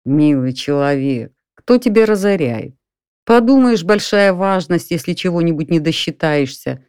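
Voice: medium pitch, animated, darkish tone, clean tone, no echo, clean studio sound. Чтец изображает рассудительного грабителя, простонародного и неторопливого, голос выше обычного. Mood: mocking threats. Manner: folksy, unhurried, addresses the listener as "барин". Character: calm, reasoning burglar in an apartment.

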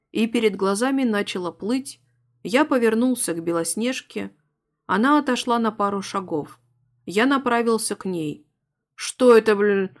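A woman narrating a story aloud, reading a first-person novel in a calm, even storytelling voice. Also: medium pitch.

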